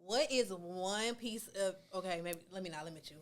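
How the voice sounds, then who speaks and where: A woman's voice: mid-range voice, normal speed. Casual young woman hosting an interview. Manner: casual, rambling questions, says "like" often. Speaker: podcast host. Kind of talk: faith-centered interview.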